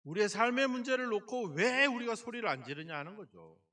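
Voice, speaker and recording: A male pastor preaches in a high, ringing voice, acting out scenes and firing questions at the congregation. The sound comes from a church sanctuary, with the voice a little distant from the mic. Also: fairly quick. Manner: lively preaching that acts out quotes and often asks the congregation questions. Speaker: senior pastor. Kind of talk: sermon.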